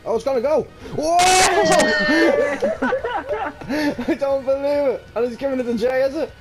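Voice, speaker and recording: A man's voice: extremely high pitch, animated, slow. A sweary, giggly man bantering and exclaiming as he plays a video game. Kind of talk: casual gaming banter. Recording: game music behind the voice.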